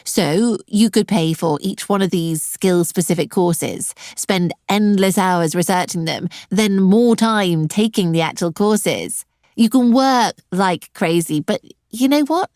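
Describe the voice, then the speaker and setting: A woman's voice: mid-range voice, expressive, a little slow, darkish tone, dry recording. A middle-aged woman hosting an online career webinar, talking directly to her viewers with a dry, sarcastic edge. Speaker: webinar host and career coach.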